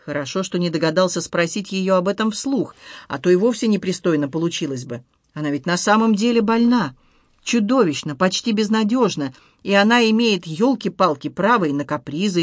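An audiobook narrator reading a novel, even and unhurried. The voice is mid-pitched, and the recording is dry and close, with no room sound. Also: no room sound. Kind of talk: scripted narration.

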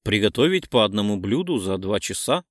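A man reading an audiobook, voicing a sly young man who speaks in a measured, deliberate way. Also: on the low side, big pitch swings, no echo, studio quality, voice pushed down.

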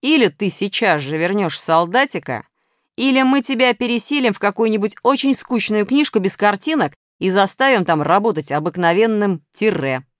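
A woman's voice: fairly high pitch, expressive, fairly quick, few pauses, darkish tone, clean tone, no room sound, clean studio sound, voice pushed up, close to an everyday voice. A woman voicing a strict, firm male plus sign in an audiobook. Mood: stern. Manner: stern, firm.

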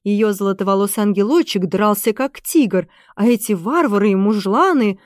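Female narrator, expressive storyteller, dry close recording. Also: mid-range voice, normal speed, dry recording. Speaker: audiobook narrator. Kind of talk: scripted narration.

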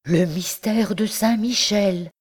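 Brief: woman reading as a jealous old book-dealer, stammering and feverish, low and unhurried. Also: big pitch swings, a little mellow, slightly rough, heavily acted. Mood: excited. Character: old bookseller man, obsessive, jealous of his books.

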